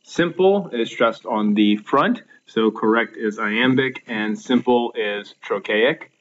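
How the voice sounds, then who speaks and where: A man's voice: medium pitch, takes it slowly. Man teaching a recorded lesson, lo-fi. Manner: explaining patiently with fillers and restarts.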